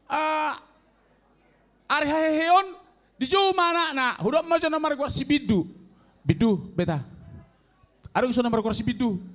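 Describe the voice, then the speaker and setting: An older man in his sixties with a Toba Batak accent, his voice sitting very high for a man. He tells a comic tale at an unhurried, drawn-out pace, addressing his listeners as elders. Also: fairly bright tone. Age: 60s. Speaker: elderly stand-up contestant. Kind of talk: stand-up comedy storytelling.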